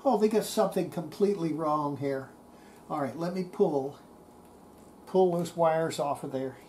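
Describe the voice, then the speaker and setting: Here a mellow, low-sitting voice moves a little slowly. The older woman is restoring radios at a cluttered electronics workbench, muttering casual hands-on commentary to herself, and the noisy workshop room is audible in the recording.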